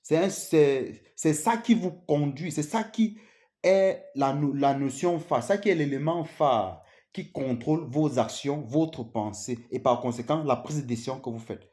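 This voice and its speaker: In a fairly high, mellow voice and at a slightly slow pace, a man delivers an off-the-cuff motivational talk. Earnest and direct with the listener, he repeatedly asks "vous voyez?" ("you see?"), stammering and starting sentences over.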